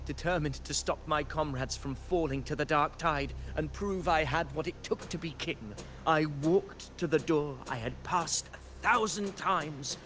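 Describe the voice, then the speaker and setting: A male actor voices a proud, disillusioned fallen hero in a video game, delivering a dramatic, brooding monologue. His voice is a little high and a bit bright, with slight background noise.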